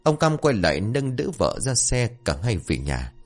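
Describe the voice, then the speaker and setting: A man reading a family story aloud as scripted narration, in an expressive, dramatic way. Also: on the low side, normal speed. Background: faint music.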